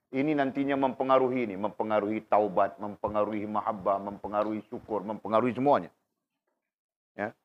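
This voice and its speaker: A man leads an informal religious class, his voice sitting a little low. He talks to the room and asks students questions by name, and he sounds unwell. The recording is dull and lo-fi. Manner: conversational, questions students by name, frequent tag questions. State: unwell, in pain while talking. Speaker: religious teacher.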